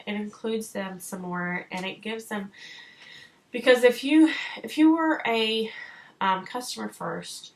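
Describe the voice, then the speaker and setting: A woman's voice: medium pitch, slight background noise, rough recording. A woman in her thirties giving chatty, encouraging sales advice in a casual home vlog, rambling with fillers and restarts. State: short of breath. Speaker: direct sales consultant.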